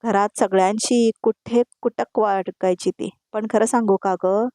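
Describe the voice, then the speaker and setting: A woman's voice: mid-range voice, steady tone, a little slow, warm tone, dry recording, natural voice. A woman voicing an upset, indignant middle-aged mother in a dry recording. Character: anxious angry middle-aged mother Manini.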